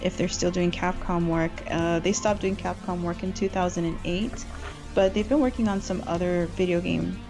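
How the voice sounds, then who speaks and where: A woman in relaxed chat on an art stream, quick to joke and laugh. Faint music plays behind her voice. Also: on the low side. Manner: joking, chatty, laughs often. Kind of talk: casual chat.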